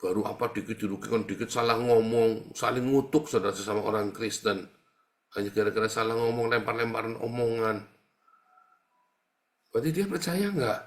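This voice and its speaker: A man preaching a conversational sermon to his congregation, moving between quiet asides and loud, emphatic rebukes. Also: fairly low pitch, little pitch movement, brisk. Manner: keeps addressing the congregation as "saudara". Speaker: pastor.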